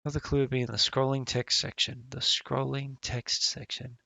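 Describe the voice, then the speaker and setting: This is live gameplay commentary from a man playing a puzzle game, swearing and muttering as he attempts passwords and thinks aloud. His medium-pitched voice is gravelly, bright and forceful, delivered flatly at normal speed. No echo, with faint game music in the background.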